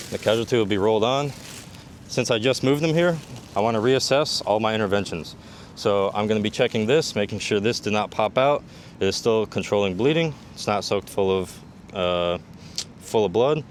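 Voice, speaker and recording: A man with a fairly low voice walks through a practical demonstration as a military medical instructor. He explains methodically, one step after another. There is some faint ambient noise, like vehicle rumble, behind him. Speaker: army combat medic instructor.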